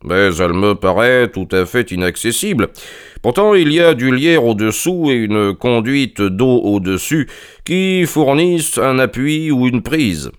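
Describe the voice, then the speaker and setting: A man's voice: medium pitch, sing-song, unhurried, clean tone, voice pushed up. Poised detective, courteous and wry, voice nudged slightly up, voiced by a male reader. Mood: dry. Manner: polite, dry, self-assured. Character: cool, ironic male detective. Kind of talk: audiobook character reading.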